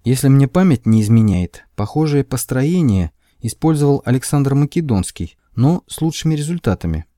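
A man giving a wry, expressive first-person audiobook narration of a comic science-fiction story. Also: mid-range voice, no echo, studio quality.

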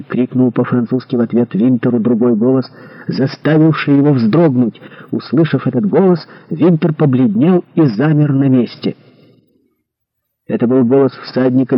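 A man reads an adventure novel aloud with dramatic expression. His voice is husky and mid-pitched, and the recording sounds slightly dull and lo-fi. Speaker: audiobook narrator. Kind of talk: scripted narration.

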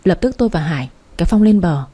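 A woman reading a romance story aloud in a steady storytelling manner. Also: on the low side, fast, husky. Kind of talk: storybook audiobook narration.

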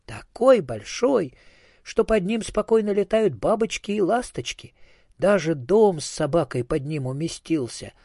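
A man voicing a curious, gentle young cucumber in a storybook, slow and wondering. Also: sits high, very animated, no echo, studio quality, pitched above the performer's own voice, full character voice.

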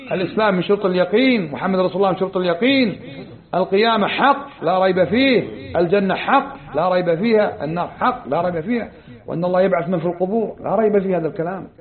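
Man, religious lesson, high voice, asks the audience questions, tinny lo-fi sound. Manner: quizzes the audience with rhetorical questions, conversational. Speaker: religious teacher. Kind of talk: Islamic creed lesson. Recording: tinny lo-fi lecture recording.

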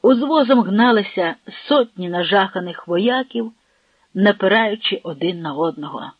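Audiobook narrator, slow dramatic reading, dry dull recording. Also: mid-range voice, lively intonation, slightly rough, no room sound. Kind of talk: audiobook narration of a historical novel.

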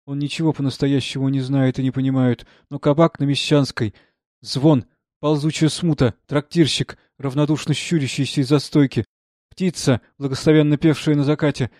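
A man narrates a literary audiobook at a measured, expressive pace, with a voice of middling pitch. The sound is close and dry, with no room around it. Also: no room sound.

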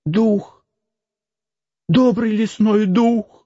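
A man voicing a frightened little boy who pleads through tears in a high, slow voice. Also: fairly even intonation, mellow, no echo, highs cut off, heavily acted. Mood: pleading. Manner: tearful, high-pitched begging.

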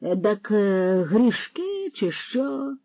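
A narrator voicing a pompous male horse thief who lectures loudly and scatters Latin words, on a dull, dry recording. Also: mid-range voice, very animated, very slow, no echo, voice pushed up, full character voice. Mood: lecturing. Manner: lecturing, scolding, loud.

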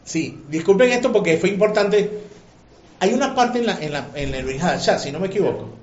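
A man teaching a religious class in an animated, emotional way, often firing questions at his listeners. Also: sits high, fairly quick. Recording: echoey room, muffled lo-fi sound.

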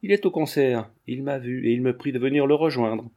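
A man voicing a haughty foreign countess who speaks in a cool, measured, dismissive way. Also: medium pitch, mellow, lo-fi sound, lightly acted.

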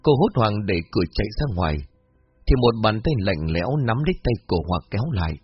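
A man narrating a scripted horror story in a steady, measured reading. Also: on the low side, husky. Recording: muffled lo-fi with faint music.

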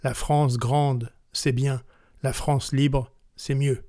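A man's voice: medium pitch, level tone, slow, warm tone, no echo, clean studio sound, close to an everyday voice. A man reading the lines of a young, rich, dashing male general from a storybook in an earnest, exclaiming way.

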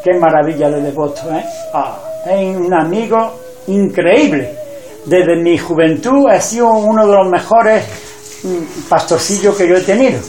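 A man voicing a tender, amused god speaking softly and fondly of his friend. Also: sits high, unhurried, faint music behind. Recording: roomy echo.

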